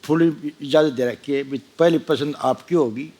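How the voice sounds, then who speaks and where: A man's voice: a little high, mellow. An older man from Haryana, a guest on a talk show, answering questions sincerely in a plain way, sometimes stopping and restarting mid-word. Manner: plain-spoken and sincere, with some halting restarts. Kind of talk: earnest conversational answers.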